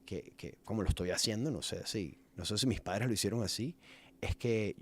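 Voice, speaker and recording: A man's voice: on the low side, moderate pace. A man reflecting on being a father in a casual chat, mixing in English words now and then. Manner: reflective, slips English words into his speech. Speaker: father and musician in a podcast conversation.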